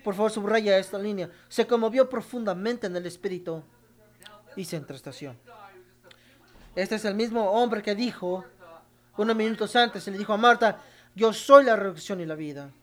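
A preacher delivers a sermon in a mid-pitched voice, reading scripture aloud and pausing over it. Key phrases come back again and again for stress, and listeners are told directly what to underline and repeat. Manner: addresses the congregation directly.

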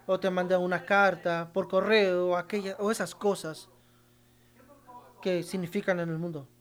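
A preacher delivers a sermon in a mid-pitched voice, reading scripture aloud and pausing over it. Key phrases come back again and again for stress, and listeners are told directly what to underline and repeat. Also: flat delivery. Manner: addresses the congregation directly.

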